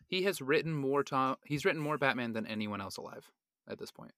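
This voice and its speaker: A man's voice: medium pitch, lively intonation, fairly quick, pushed and bright, no echo, clean studio sound. A man co-hosting a casual comics podcast, speaking in a matter-of-fact, teasing way. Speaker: podcast co-host.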